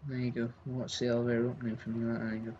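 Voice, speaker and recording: Mellow-voiced streamer chatting through a game. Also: mid-range voice, monotone, fast, muffled recording, a little hiss or hum. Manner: chatty, thinking aloud, answering chat. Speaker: live streamer. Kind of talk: casual live game commentary.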